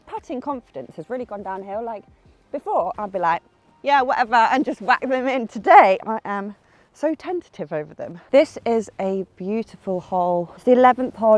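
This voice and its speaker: A young woman narrating her own golf round outdoors, chatty and self-mocking, talking herself through each shot. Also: medium pitch. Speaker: golf vlogger. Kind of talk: casual running commentary while playing golf.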